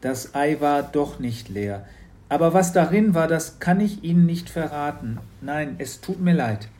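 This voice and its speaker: A man's voice: fairly high pitch, lively intonation, measured pace, a little mellow, pitched above the performer's own voice. Man reading a nervous young boy, earnest and pleading, voice lifted.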